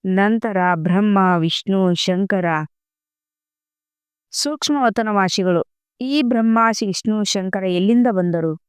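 Woman reading a spiritual discourse, measured. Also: medium pitch, clear, resonant tone, no echo, studio quality. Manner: slow, measured recitation with emphatic pauses. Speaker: murli reader.

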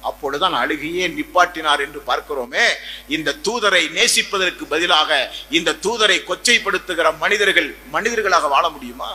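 A man delivers an Islamic sermon, pressing his points with repeated phrases and rhetorical questions. His voice sits high and sounds sharp and piercing. It carries a long reverb, as if spoken in a large hall. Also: moderate pace. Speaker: preacher.

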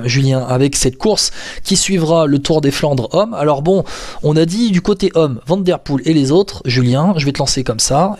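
A man's voice: a little high, a little mellow. A man hosting a podcast in casual chat, talking hesitantly with many fillers and restarts. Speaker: podcast host.

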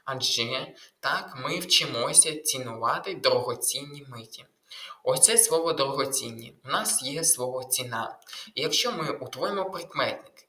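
A man's voice: medium pitch, sharp tone, reverberant, low-quality recording. A man tutoring through an exam walkthrough lesson, explaining patiently and stressing key letters and syllables. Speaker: language tutor.

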